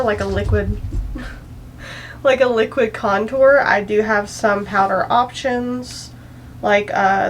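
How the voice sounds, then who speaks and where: A young woman talks her way through a makeup tutorial at home in a chatty, rambling, self-deprecating way. She sounds anxious and slightly out of breath, and her voice sits at an average pitch. Faint household noise hums behind her. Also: low-quality recording. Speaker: beauty vlogger.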